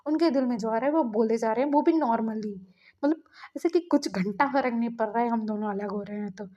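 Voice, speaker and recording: A woman's voice: a little high, brisk, dark tone, muffled recording. A woman narrating a fan story in a casual, chatty way, full of filler words.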